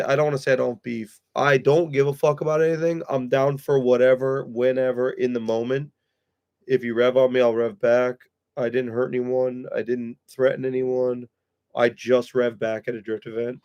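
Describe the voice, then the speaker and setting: A man's voice: mid-range voice, darkish tone. A man hosting a casual live chat with friends, talking bluntly and swearing freely. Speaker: streamer host. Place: room with friends.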